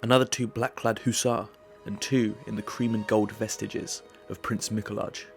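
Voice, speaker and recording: A man narrating an audiobook drama in a measured, even storytelling manner. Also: fairly low pitch, vocal fry, soft background music.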